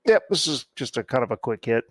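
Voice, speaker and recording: A man co-hosting a podcast, relaxed and hedging as he talks. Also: mid-range voice, a little fast, dry recording. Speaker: podcast co-host. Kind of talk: casual chat.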